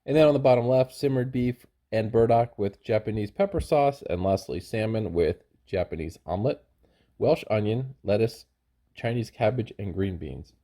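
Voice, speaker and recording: Very mellow-voiced man narrating a trip review. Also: on the low side, expressive, moderate pace. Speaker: travel vlogger.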